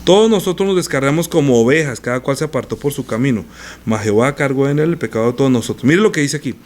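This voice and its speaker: A man preaching a conversational Bible lesson, animated and asking the congregation rhetorical questions. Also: mid-range voice, fast.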